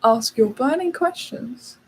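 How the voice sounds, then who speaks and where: A woman's voice: sits high, animated, slow pace, noisy background. A young British woman hosting a casual livestream, chatting and answering viewers' questions with lots of fillers. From United Kingdom. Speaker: channel host.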